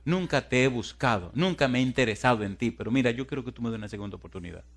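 A man's voice: medium pitch, lively intonation, very fast, close to an everyday voice. A man voicing a terrified woman survivor who pleads desperately, acted within a sermon. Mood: pleading.

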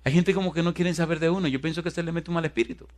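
A middle-aged man from the Dominican Republic, a preacher with a Dominican accent, telling a story in a sermon. He acts out the dialogue and drops to a hushed voice when he prays. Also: fairly high pitch, rapid-fire. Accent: Dominican Spanish. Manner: animated storytelling, acting out dialogue, laughing often; drops to soft, hushed prayer voice.

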